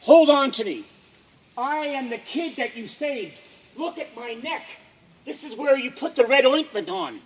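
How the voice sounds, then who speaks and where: A man voicing a kind young boy who is really a goat kid, speaking in a hushed, urgent, reassuring way. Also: extremely high pitch, expressive, unhurried, breathy edge, full character voice, poor audio.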